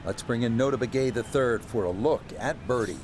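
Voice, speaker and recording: A man acting as a composed TV golf commentator, giving measured, understated play-by-play. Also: mid-range voice, darkish tone, a little hiss or hum, lightly acted. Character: composed male TV golf announcer. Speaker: golf commentator, lead announcer. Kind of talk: golf commentary in a video game broadcast.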